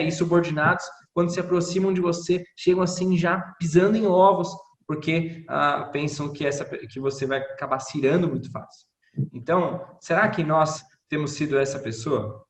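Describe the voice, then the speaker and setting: Man teaching a Bible lesson, high voice. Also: echoey room. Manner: reflective, asks many rhetorical questions. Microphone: video call.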